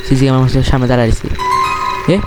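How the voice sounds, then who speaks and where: A man's voice: medium pitch, completely flat delivery, quick pace, over music, poor audio. A man with a Bangladeshi accent giving casual horror game commentary to viewers, talking as a scared, jittery streamer who reacts and questions as he plays. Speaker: gaming streamer.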